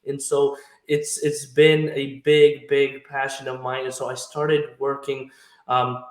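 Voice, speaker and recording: A man's voice: mid-range voice, monotone, takes it slowly. A man born in Ukraine, a trucking company owner, talking earnestly as a podcast guest in loose, restarting sentences. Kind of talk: casual interview talk. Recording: roomy echo.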